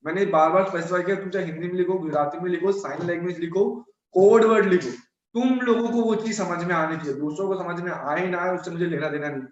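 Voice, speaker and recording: A man's voice: high-pitched, fairly even intonation, fast. A male chemistry teacher lecturing students in a chatty, scolding way, repeating his points. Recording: echoey room, dull sound.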